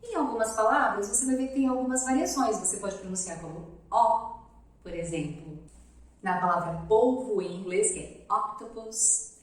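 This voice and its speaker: A young Brazilian woman teaching English pronunciation, carefully repeating each sound slowly to demonstrate it. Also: fairly high pitch, recorded from a distance. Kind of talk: pronunciation lesson. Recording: very echoey room, voice off-mic.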